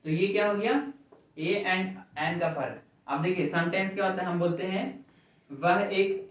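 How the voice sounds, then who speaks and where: A man teaching a classroom grammar lesson, asking the class questions and repeating their answers. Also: high voice. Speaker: English teacher. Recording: echoey classroom from far off, dull.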